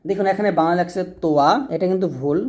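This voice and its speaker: A man's voice: high-pitched, very fast, darkish tone. A man teaching Arabic letter pronunciation, patiently repeating each sound and prompting listeners to say it after him. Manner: patient, repetitive drilling with call-and-repeat prompts. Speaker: Quran recitation teacher.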